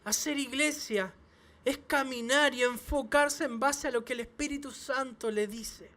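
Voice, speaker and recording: A man, a pastor, preaching a sermon to his church with emphatic repeated phrases and quick restarts. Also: very high-pitched, bright, forceful tone. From Chile. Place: church service.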